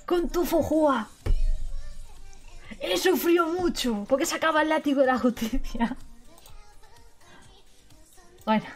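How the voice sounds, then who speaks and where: Panicky high-voiced Spanish woman gamer. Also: slow, long pauses, faint music behind. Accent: Spain Spanish. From Spain. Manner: panicky, pleading, laughing. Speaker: gaming YouTuber. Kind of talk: live gameplay commentary. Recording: faint background noise.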